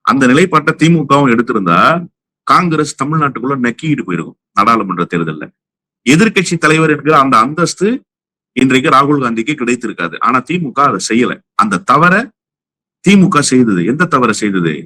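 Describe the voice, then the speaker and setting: A man's voice: mid-range voice, big pitch swings, fairly quick, sharp tone. A man with a Tamil accent giving heated political commentary as an interview guest, combative and firing rhetorical questions.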